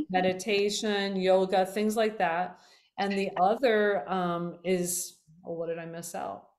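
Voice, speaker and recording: A woman's voice: fairly low pitch, darkish tone. Chatty woman giving a health talk. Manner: chatty, with many fillers and self-corrections. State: slightly losing her voice. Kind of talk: casual health talk to viewers.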